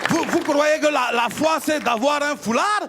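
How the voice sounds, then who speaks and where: A young man from Ivory Coast with an Ivorian French accent, doing animated stand-up storytelling that swings into shouting. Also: extremely high pitch, moderate pace, loud music behind the voice, over a noisy crowd. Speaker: stand-up comedian. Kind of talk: stand-up comedy. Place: stage before a live audience.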